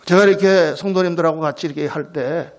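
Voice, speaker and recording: A middle-aged man preaching a Sunday sermon as pastor, swinging between loud exclamations and hushed near-whispers. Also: a little high, quick pace.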